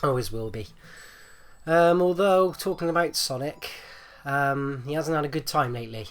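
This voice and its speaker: A man's voice: fairly high pitch, moderate pace. Phlegmy man with a chesty rattle. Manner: hesitant, rambling, repeats himself. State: phlegmy, getting over flu. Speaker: gaming video host. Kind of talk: casual gameplay commentary.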